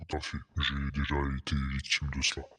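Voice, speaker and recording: A man playing an anonymous police officer giving guarded, hesitant, formal testimony in a disguised deep voice put through a voice changer. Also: completely flat delivery, brisk, bright, forceful tone, breathy edge, full character voice. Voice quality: disguised, artificially deepened voice. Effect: pitch-lowering voice changer. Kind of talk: role-play interview. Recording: long echoing reverb, muddy voice.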